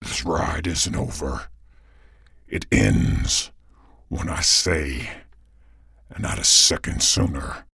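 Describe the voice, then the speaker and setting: A man's voice: a bass voice, expressive, takes it slowly, vocal fry, long pauses, bright, forceful tone, husky, no echo, clean studio sound, pitched below the performer's own voice, full character voice. A man voicing a desperate man turning into a golden statue creature, pleading and labored. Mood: menacing. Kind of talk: audiobook character voice.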